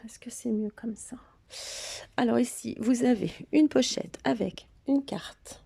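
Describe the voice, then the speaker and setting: A woman with a gravelly, husky and mellow voice walks through a handmade scrapbook album. Her talk is casual and unscripted, full of hesitations and restarts. She often sinks into a soft half-whisper. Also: a little high, unhurried. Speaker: scrapbooking vlogger. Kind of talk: casual craft show-and-tell.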